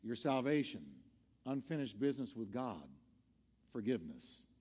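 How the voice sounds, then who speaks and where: This sermon with an altar call comes from a pastor whose mid-range, darkish, slightly rough voice has a sing-song lilt at a moderate pace. He drives home each point earnestly with short, emphatic repetitions. Behind him are music and a long hall echo.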